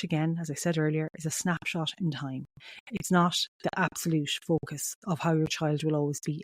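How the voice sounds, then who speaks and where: A woman's voice: low-pitched, a little mellow, no room sound. A middle-aged woman with a Mayo accent from the west of Ireland hosts a solo podcast, speaking directly and reassuringly to parents. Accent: Irish, County Mayo in the west of Ireland. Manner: reassuring, addresses listener directly, asks and answers own questions. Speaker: podcast host.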